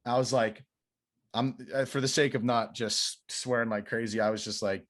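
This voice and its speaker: A man, a goalie coach telling a story as a podcast guest, animated and swearing freely, his voice rising when he acts out quotes. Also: mid-range voice, moderate pace.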